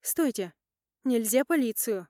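A woman's voice: medium pitch, steady tone, moderate pace, mellow, no room sound, studio quality, natural voice. A woman voicing a frightened young woman who stammers and speaks in a trembling voice. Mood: alarmed.

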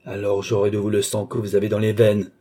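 A man's voice: lowish voice, completely flat delivery, quick pace, dark tone, natural voice. A man reading an audiobook, voicing an indignant, hot-headed young nobleman who accuses and raises his voice. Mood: menacing.

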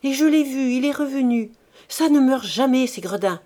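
A woman's voice: high voice, expressive, moderate pace, warm tone, voice pushed up. A woman voicing a haunted, furious old madwoman who cries out and raves in a singsong. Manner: wild cries and singsong ravings.

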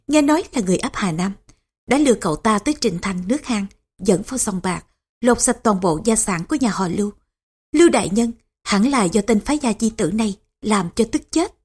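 Quick-witted younger son, read by a woman, reassuring and explanatory, husky tone. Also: a little high, lively intonation, a little mellow. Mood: explaining.

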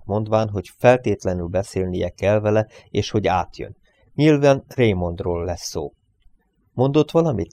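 A man reading a novel aloud as an audiobook narrator, lifting his voice for the characters' lines and dropping quietly on the speech tags. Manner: reads dialogue with lifts for characters, drops low on speech tags.

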